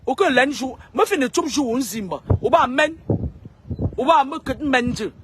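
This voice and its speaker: A woman's voice: high voice, expressive, normal speed, a little hiss or hum. A woman speaking straight to camera in a long, scolding monologue. She repeats herself and stammers on words as she goes. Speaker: self-styled seer.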